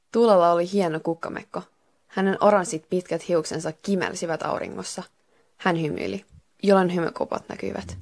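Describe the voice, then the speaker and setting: A woman reading a children's story aloud as calm, even first-person narration. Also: lowish voice, creaky. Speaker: reader.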